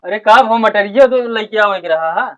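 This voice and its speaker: A man with an Awadhi accent playing a gruff, exasperated old father-in-law in a village comedy sketch. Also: sits high, moderate pace, a bit bright. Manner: grumbling, scolding. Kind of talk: rural comedy sketch acting.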